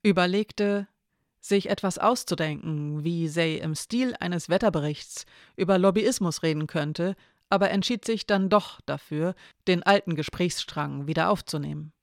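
A calm reader narrating a novel aloud, giving the dialogue only light shading. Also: mid-range voice, normal speed, no room sound, clean studio sound. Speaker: audiobook narrator.

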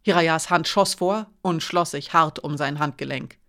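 A woman narrating an audiobook in a measured, expressive reading. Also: low-pitched.

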